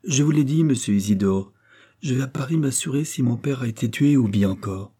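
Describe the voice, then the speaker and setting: A man's voice: medium pitch, brisk, dark tone, husky, pitched above the performer's own voice, close to an everyday voice. A man reading a storybook who voices an earnest, proud, polite young boy in a raised, eager tone.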